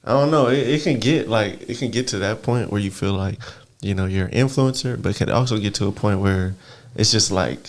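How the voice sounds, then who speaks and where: A man's voice: lowish voice, fairly quick. A man hosting a casual podcast, asking long rambling questions full of restarts. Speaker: podcast host.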